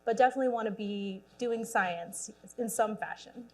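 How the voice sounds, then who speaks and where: A woman's voice: a little high, moderate pace. A young woman, a graduate student, answering interview questions in an enthusiastic, chatty way with frequent laughter.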